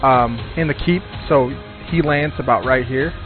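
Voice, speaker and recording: A man's voice: medium pitch, moderate pace. A man narrating a tabletop game as game master, describing the scene in a loose, storytelling way with frequent restarts. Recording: phone-like audio with faint music.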